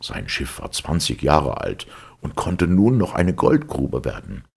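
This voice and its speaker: A male audiobook reader narrating a novel with dramatic expression. His voice is extremely deep and gravelly, with a husky edge, and the pitch moves lively. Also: a little slow.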